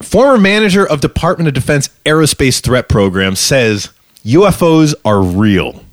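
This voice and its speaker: A man's voice: a little high, big pitch swings, moderate pace, no room sound, clean studio sound. A man co-hosting a podcast, chatting casually and joking as he reads out weird news, often trailing off mid-sentence. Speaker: podcast co-host reading news. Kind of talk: casual chat.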